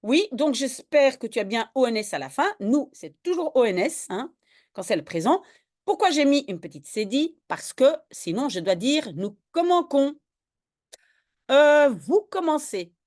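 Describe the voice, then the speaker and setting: A woman's voice: sits high, very animated, normal speed, darkish tone. A woman tutoring a student in French spelling, patiently explaining each word step by step. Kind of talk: one-on-one spelling lesson.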